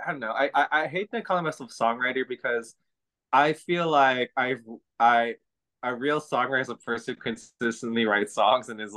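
A man talking as an interview guest, earnest and halting, with a slightly hoarse voice today. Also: medium pitch, pushed and bright, low-quality recording. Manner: earnest, halting, many restarts and fillers. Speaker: guest, activist and songwriter. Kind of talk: casual interview chat.

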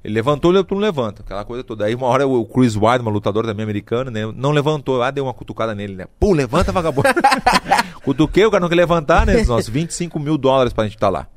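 A middle-aged Brazilian man telling a story casually, animated and slangy, acting out what people said. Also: mid-range voice, very fast, no echo. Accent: Brazilian Portuguese. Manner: animated, slangy, acts out quotes.

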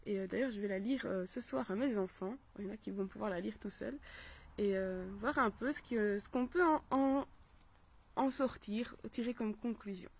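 A woman's voice: medium pitch, moderate pace. A woman hosting a philosophy video series, talking casually with many hesitations and reading a children's story aloud. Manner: hesitant, with many fillers and restarts.

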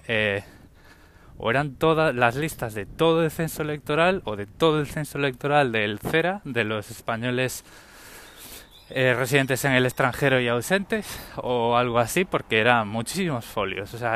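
A young man from Spain tells a story in a relaxed podcast chat, speaking with a Spanish accent. His voice is bright and forward, and it stays in a middle pitch. He slips into the voices of the people he describes as he goes. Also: moderate pace. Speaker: podcast host. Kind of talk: casual anecdotal storytelling.

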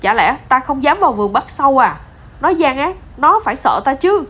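A woman's voice: high voice, very animated, fairly quick, fairly bright tone, voice pushed up. A woman voicing a tiny, bold toad who lectures proudly, in a storybook reading. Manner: boastful, lecturing.

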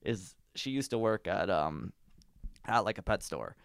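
Creaky-voiced young frat-bro guy. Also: low voice, lively intonation, unhurried, no echo, studio quality. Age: 20s. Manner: bro-ish frat-guy talk, slangy and teasing. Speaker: podcast co-host. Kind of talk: casual banter.

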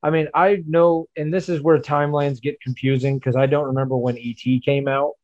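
A man's voice: on the high side, level tone, brisk, a little mellow, dry recording, highs cut off. A man in his forties from the Memphis area, reminiscing in casual podcast chat with many fillers. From Memphis area, USA. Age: 40s.

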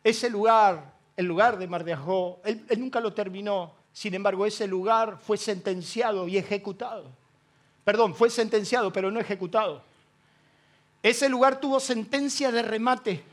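A male pastor preaching a sermon, telling a story with strong emotion, going from hushed to loud. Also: sits high, moderate pace.

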